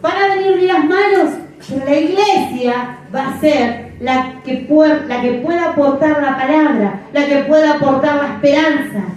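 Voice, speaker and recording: A woman's voice: high-pitched, normal speed, few pauses, darkish tone. A middle-aged woman pastor preaching a sermon, emphatic and repeating phrases for effect. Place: church. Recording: echoey church from far off.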